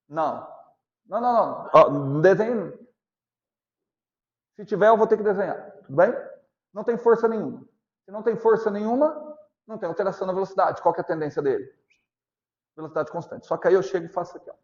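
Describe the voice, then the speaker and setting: A man's voice: high-pitched, animated. Brazilian man teaching physics, lo-fi. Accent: Brazilian Portuguese. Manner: asks constant check questions, repeats points slowly. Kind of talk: classroom lecture.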